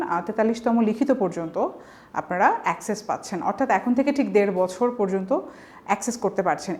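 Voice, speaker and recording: A woman with a Bangladeshi Bengali accent leads a recorded exam-prep vocabulary class. Her voice sits a little high, and she explains each word patiently. She keeps asking the class rhetorical questions as she goes. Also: darkish tone. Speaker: vocabulary teacher. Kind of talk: online exam-prep lecture.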